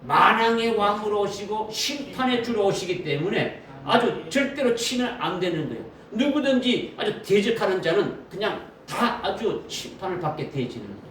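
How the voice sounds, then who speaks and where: A man's voice: high-pitched, lively intonation, normal speed, few pauses, fairly bright tone. A man preaching a sermon as pastor, often asking the congregation questions and repeating key phrases. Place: church sanctuary. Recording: roomy echo from a distant mic with faint noise.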